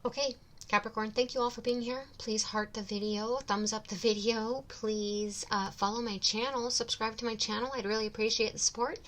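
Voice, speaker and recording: A woman giving a tarot reading to her viewers, talking in a soothing way with many ums and pauses. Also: on the high side, fairly even intonation. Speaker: tarot reader.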